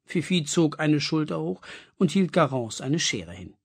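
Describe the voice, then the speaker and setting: An audiobook reader narrating a story expressively with a husky voice. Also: mid-range voice, sing-song, a little slow. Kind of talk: scripted narration.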